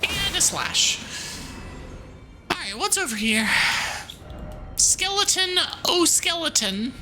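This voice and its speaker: A woman's voice: very high voice, big pitch swings, slow pace, noisy background. A woman livestreaming a game and chatting to viewers in a cute, bubbly anime-streamer manner, playful and mock-bossy. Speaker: streamer, VTuber.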